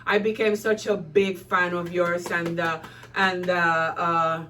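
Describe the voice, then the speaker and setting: A middle-aged woman from Rico, chatting as an interview guest in an animated way, with many restarts and fillers. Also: fairly low pitch, a little slow, distant mic, slight background noise. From Puerto Rico. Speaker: guest, marketing and PR entrepreneur. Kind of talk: casual interview chat.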